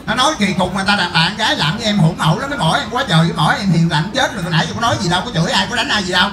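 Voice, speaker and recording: A man playing a loud, jealous wife who wails and scolds while hunting down her drunk husband in a live comedy skit. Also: high-pitched, lively intonation, very fast, echoey room. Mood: whiny. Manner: wailing, scolding, crying out to the crowd.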